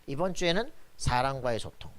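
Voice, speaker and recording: A man's voice: mid-range voice, big pitch swings, a little fast, slight background noise. A man preaching a sermon as pastor, emphatic and colloquial, often asking his congregation for agreement. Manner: emphatic preaching with frequent "그죠?" tag questions; colloquial, blunt asides.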